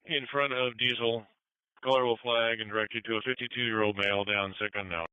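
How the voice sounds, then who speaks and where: A man's voice: mid-range voice, fairly even intonation, a little fast, clean tone, no room sound, phone-quality sound. A man working as a fire dispatcher, reading calls over emergency radio in a clipped, procedural way. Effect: two-way radio.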